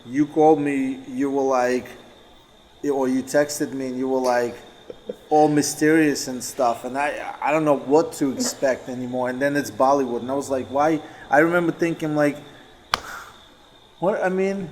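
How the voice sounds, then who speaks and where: A man's voice: medium pitch, fairly even intonation, brisk, darkish tone, low-quality recording. A man chatting casually about his dance work, wandering through his thoughts and restarting sentences. His voice sits in an ordinary middle range. A faint hiss of room noise lies underneath. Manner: rambling, self-correcting storyteller. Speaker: dancer and co-host. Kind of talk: casual chat.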